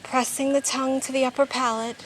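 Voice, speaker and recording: A woman instructor leading a yoga class, giving measured breathing cues in short phrases with some chanted syllables. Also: high-pitched, level tone, a little hiss or hum.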